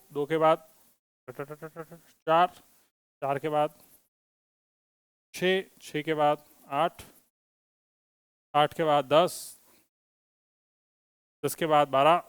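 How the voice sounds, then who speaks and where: High-voiced man teaching physics. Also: smooth, dry recording, studio quality. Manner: asks students questions, teasing and joking. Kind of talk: classroom lecture with students. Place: classroom.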